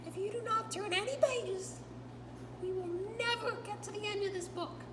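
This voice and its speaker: A woman voicing Grover, a timid furry male monster who frets loudly and begs the listener, recorded far from the mic in a roomy space with a steady hum. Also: very high voice, moderate pace. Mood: hushed pleading. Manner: loud, fretful, begging the listener.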